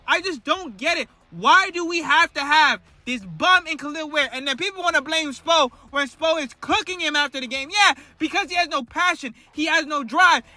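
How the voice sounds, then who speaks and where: A man in a heated fan rant, firing off repeated rhetorical questions and swinging between shouting and muttering. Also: very high voice, no room sound. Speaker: basketball fan commentator.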